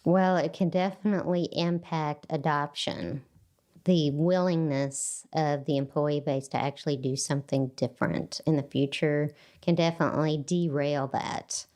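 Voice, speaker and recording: A woman hosting an interview, calmly giving short affirmations and adding her own reflections. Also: sits low, normal speed. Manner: calm, gives frequent short affirmations. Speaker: podcast host.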